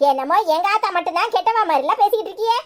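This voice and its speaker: Woman voicing a sharp-tongued cartoon wife, very high voice, Tirunelveli Tamil accent, quick cutting complaints. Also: expressive. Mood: angry. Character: quarrelsome young wife, sharp-tongued and resentful. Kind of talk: cartoon voice acting.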